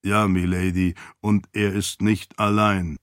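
Guy doing a stiff polite spirit-servant, lowish and kinda hushed, dry close sound. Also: flat delivery, slow, clean tone, dry recording. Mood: dutiful. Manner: stiff, formal and deferential. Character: dutiful, formal floating light-spirit servant. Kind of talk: audiobook character voice.

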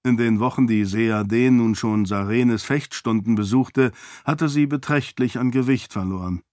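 A man calmly narrating a fantasy audiobook in a measured, even way, close to the mic. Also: medium pitch, no echo. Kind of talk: scripted narration.

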